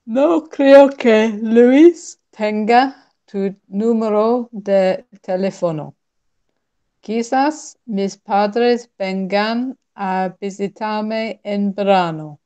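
A woman student reads her answers aloud very slowly, with hesitation. Her voice is mellow and smooth, and the audio sounds dull and lo-fi. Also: medium pitch. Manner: hesitant, very slow reading. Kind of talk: answering in class.

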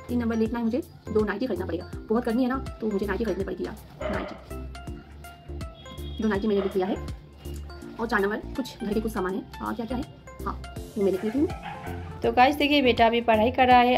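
A woman's voice: on the high side, fairly quick, pauses often, over music. A woman filming a casual home vlog in her kitchen, chatting with her viewers as she works through chores step by step. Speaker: home vlogger.

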